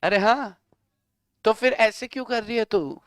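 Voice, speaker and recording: Male lecturer, high clear voice, dry close sound, lively teasing classroom talk. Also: measured pace, no echo. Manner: animated, teasing, scolds students in coarse slang. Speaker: law teacher.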